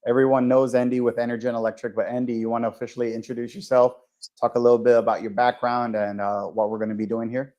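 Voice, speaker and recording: A man's voice: medium pitch, flat delivery, fast talker, dark tone. A man hosting a casual podcast conversation, talking in an enthusiastic, encouraging way. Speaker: podcast host.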